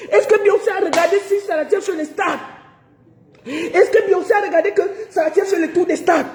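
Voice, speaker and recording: A woman from Cameroon, ranting indignantly to the camera, shouting with bitter laughter. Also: extremely high pitch, slight background noise. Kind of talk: angry rant to camera. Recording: roomy echoey room.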